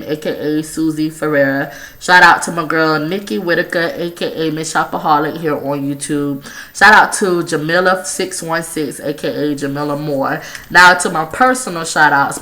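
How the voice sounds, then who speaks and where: Bright, low-pitched woman vlogging casually. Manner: slangy, informal, swears freely. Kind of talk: casual chatty vlog shout-outs.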